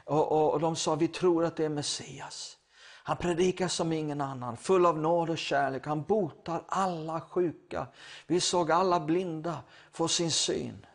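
A man's voice: a little high, fairly even intonation. A man preaching a sermon, retelling a Bible story with acted quotes and stammering restarts.

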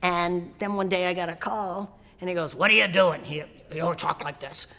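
A woman guest, an actress and stuntwoman, telling lively anecdotes and acting out other people's lines. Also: lowish voice, normal speed. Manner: animated, acts out other people's voices. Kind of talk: storytelling interview. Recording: long hall reverb.

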